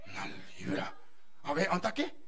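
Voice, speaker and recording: A man voicing a suspicious, scolding middle-aged mother, speaking low and muttering under his breath. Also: huge pitch swings, moderate pace, fairly bright tone, recorded from a distance, exaggerated voice.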